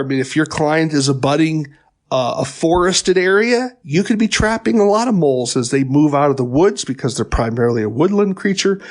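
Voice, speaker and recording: A middle-aged man giving a pest control training talk in a conversational way, with wry asides and frequent fillers and restarts. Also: a little high. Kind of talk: instructional podcast talk.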